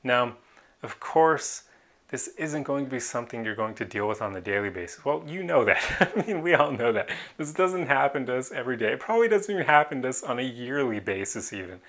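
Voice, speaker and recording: A man with a gravelly edge to his mid-pitched voice talks straight to the camera in a casual vlog. He is earnest and opinionated and breaks into a short laugh now and then. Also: lively intonation, a little fast, fairly bright tone. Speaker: vlogger.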